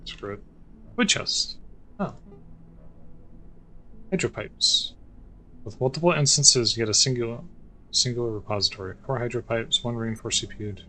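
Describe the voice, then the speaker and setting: A man's voice: mid-range voice, moderate pace, pauses often, bright, forceful tone, rough recording. A man giving casual, sarcastic commentary while playing a game solo, thinking aloud as he goes. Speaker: gameplay streamer.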